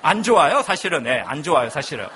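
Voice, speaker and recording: A man's voice: on the high side, sing-song, quick pace, noisy background. A male pastor in his thirties, preaching a sermon with humorous personal storytelling.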